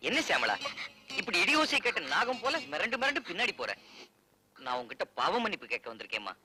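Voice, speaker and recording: A man's voice: high voice, huge pitch swings, a little fast, pushed and bright, soft background music, exaggerated voice. An actor playing a flustered young bridegroom in a film comedy, whiny and wailing as he begs. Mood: pleading. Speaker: comic actor playing a newly married husband. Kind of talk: comic film acting.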